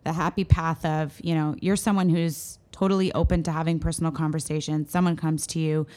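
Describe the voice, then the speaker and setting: Woman co-host, slightly low voice, chatty and playful. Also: little pitch movement, fairly quick, dark tone. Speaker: podcast co-host. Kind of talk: casual advice chat.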